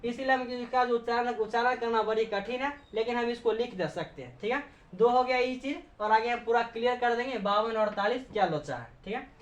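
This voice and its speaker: Woman teacher, kinda high voice, asks then answers her own questions, says okay a lot, muffled lo-fi recording. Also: a little fast. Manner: frequent "okay" checks with students. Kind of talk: classroom lecture. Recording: echoey room, dull lo-fi sound.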